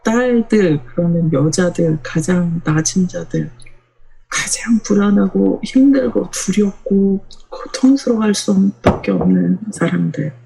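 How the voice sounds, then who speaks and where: A woman's voice: mid-range voice, creaky, warm tone, husky, rough recording. A woman pastor preaching a sermon, explaining scripture and putting questions to her listeners. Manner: explains Bible passages, asks the congregation questions.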